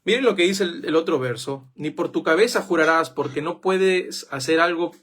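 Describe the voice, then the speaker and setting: A man's voice: fairly high pitch, moderate pace, a bit bright. A man preaching a sermon, firing off rhetorical questions and acting out the voices of the people he quotes.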